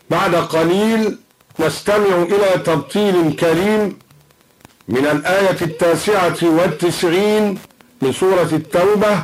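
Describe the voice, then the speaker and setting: High-voiced man explaining Quran readings. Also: a little hiss or hum, low-quality recording. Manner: measured, slow chanting of verses between explanations. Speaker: Quran recitation presenter. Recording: radio broadcast off air.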